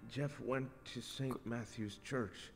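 An actor playing a guilt-ridden, badly wounded man in a video game, gasping and halting as he speaks. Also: mid-range voice, fairly even intonation, soft background music. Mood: weak, halting.

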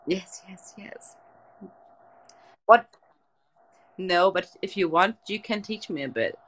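In the bedroom at night, a young woman from Germany lies back and talks with viewers on her late-night livestream, her phone close by. She speaks with a German accent at medium pitch, takes her time, and the audio is low quality.

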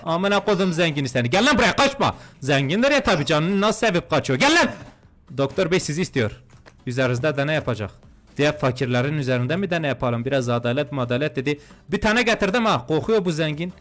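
A young man giving crude, joking commentary while playing a video game, swinging between muttered remarks and mock-outraged shouting. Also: fairly high pitch, lively intonation, quick pace. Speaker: gaming YouTuber. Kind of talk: comedic let's-play commentary.

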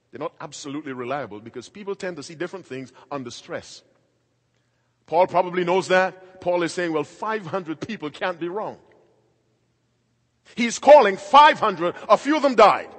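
A middle-aged male pastor preaching a sermon emphatically, moving between loud and quiet passages. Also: high voice. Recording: long hall reverb.

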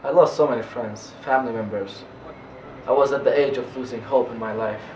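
A man's voice: mid-range voice, steady tone, a little fast, echoey room, distant mic, noisy background. A young man from Iraq, a student, speaking earnestly and reflectively in an interview. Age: young adult. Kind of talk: interview testimony.

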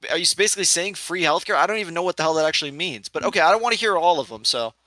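A man's voice: on the high side, lively intonation, rapid-fire, pushed and bright, dry recording. A man talking like a radio show caller in a heated political debate, opinionated and often breaking in with rants.

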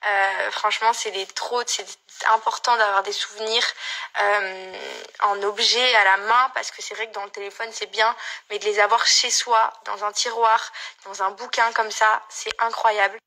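A woman's voice: mid-range voice, little pitch movement, normal speed, sharp tone. A young woman vlogging casually to camera, gushing and chatty.

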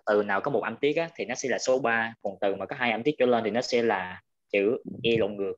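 Quick man on a dull call. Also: fairly low pitch. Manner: quick, agreeable, repeats himself. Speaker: study group member. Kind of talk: casual study chat.

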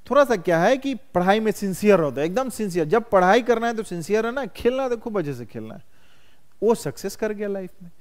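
A man's voice: high-pitched, very animated, quick pace. A male math teacher, lecturing a class and constantly quizzing his students. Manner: quizzes students constantly, calls them "बउआ".

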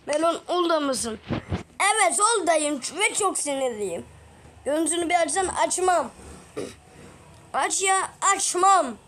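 A woman voicing several characters in a game video, excitable and teasing, full of exclamations. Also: extremely high pitch, unhurried, long pauses, slight background noise. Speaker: gaming video creator.

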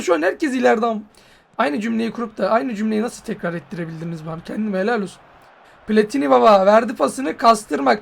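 High, gravelly excitable man gaming. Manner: excitable, joking, swears and yells at players. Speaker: mobile football gamer. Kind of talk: casual gameplay commentary.

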